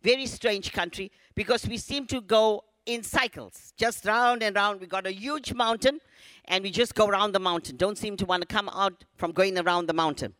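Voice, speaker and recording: Male preacher, very high and bright voice, dry close sound; emphatic and leads call-and-response. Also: moderate pace, dry recording. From Zimbabwe. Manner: emphatic, calls on the congregation to repeat lines. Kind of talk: sermon.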